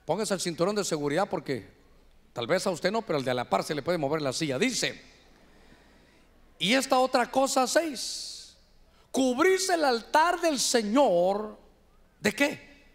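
Honduran pastor, high voice, animated sermon delivery in church, keeps calling out "hermano". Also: male voice, measured pace, long pauses. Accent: Honduran Spanish. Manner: preaching to a congregation, animated, addresses listeners as "hermano".

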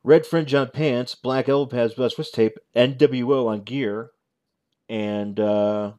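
A man in his forties giving a casual, unscripted show-and-tell commentary as a reviewer, halting and correcting himself as he goes. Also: medium pitch, steady tone, darkish tone, no echo, clean studio sound. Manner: halting, conversational, self-correcting. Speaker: toy reviewer. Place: small living room at home. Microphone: headset.

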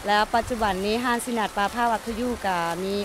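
A young woman who owns a restaurant, answering interview questions in quick, matter-of-fact replies into a handheld mic outdoors at night. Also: on the high side, steady tone, noisy background. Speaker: restaurant owner. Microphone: handheld microphone.

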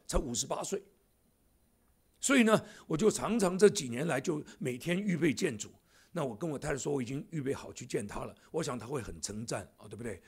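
A man's voice: fairly high pitch, a little mellow, breathy edge. A man in his seventies, a church elder, preaching a sermon in a church with jokey asides to the congregation. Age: 70s.

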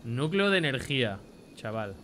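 A man's voice: mid-range voice, very animated, normal speed, fairly bright tone, slight background noise. A young man with a Spain Spanish accent giving chatty let's play commentary, swearing casually and reading item names aloud. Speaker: gameplay commentator.

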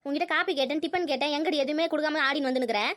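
A woman's voice: high voice, very fast, a bit bright, dry recording, studio quality. A woman in a comic family skit, scolding and exasperated as a mother-in-law.

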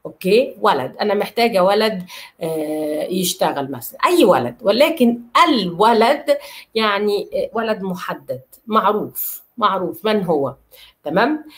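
A woman with an Egyptian Arabic accent teaching Italian, repeating words slowly and often checking that her students follow. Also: mid-range voice, expressive. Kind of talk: online language lesson.

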